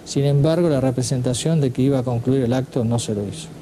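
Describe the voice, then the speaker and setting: A man's voice: medium pitch, quick pace, dark tone, a little hiss or hum, poor audio. A man, an expert guest on a talk show, analyzing a case with hesitant speech and frequent fillers. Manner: hesitant, with fillers like este and digamos. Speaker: psychiatrist guest.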